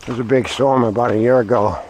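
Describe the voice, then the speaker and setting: Guy talking to himself on a winter run vlog, medium pitch, short choppy bits, lots of outdoor noise. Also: fairly even intonation, fast. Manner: thinking aloud in short, broken phrases. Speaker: vlogger. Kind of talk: casual outdoor vlog commentary while on a run. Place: outdoors on a winter lake shoreline. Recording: clearly noisy raw outdoor recording.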